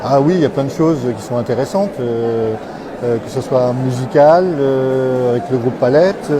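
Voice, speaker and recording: A man, co-president of an association, answering interview questions in a halting, self-correcting way. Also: medium pitch, low-quality recording. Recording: crowd chatter behind.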